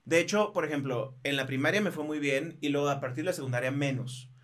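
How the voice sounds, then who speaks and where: A man's voice: fairly high pitch, quick pace, a bit bright. A young man with a Mexican accent, a musician guesting on a podcast, talking in a laid-back, joking way and swearing casually. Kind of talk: casual chat.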